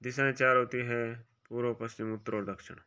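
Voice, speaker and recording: A man teaching an exam-prep grammar lesson, reading each quiz option aloud and then briefly marking it right or wrong in quieter, lower asides. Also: little pitch movement, a little fast, clean tone.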